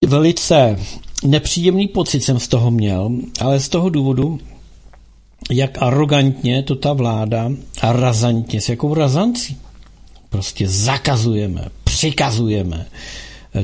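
A male radio host with a gravelly, husky voice at an ordinary pitch. He talks through a casual call-in show in a loose, rambling way, stopping often to hunt for words. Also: mellow. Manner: rambling, halting, with frequent filler sounds.

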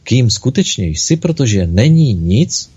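Man reading a kind patient god from a story, calm and gentle, dark husky voice. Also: medium pitch, voice pushed up. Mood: explaining. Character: kindly, patient, smiling God. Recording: dull lo-fi recording.

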